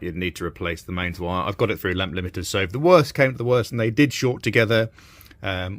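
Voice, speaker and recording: His voice is low-pitched and a bit bright. A British man in his fifties who repairs vintage radios, he presents a video demonstration in a cramped, cluttered indoor electronics workshop, chatting informally and musing aloud over obvious workshop noise.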